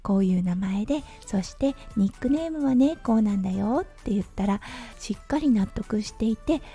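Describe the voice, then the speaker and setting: A woman in her thirties hosting her own talk podcast, telling stories in a gentle, chatty way with soft fillers. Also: mid-range voice, expressive, moderate pace, husky, faint music behind. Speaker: podcast host. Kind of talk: casual solo talk radio.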